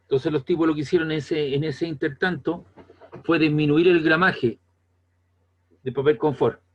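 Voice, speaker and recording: A man's voice: a little high, fairly even intonation, normal speed, highs cut off. A man with a Chilean accent giving a classroom lecture in a conversational way, often checking whether the students follow. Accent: Chilean Spanish. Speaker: teacher.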